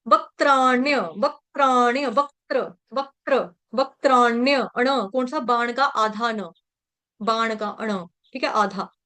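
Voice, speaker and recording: A woman with a high voice leads a devotional pronunciation lesson at an unhurried pace. She chants verse lines slowly and breaks words into syllables, repeating each one until it is clear. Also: fairly bright tone. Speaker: scripture recitation teacher.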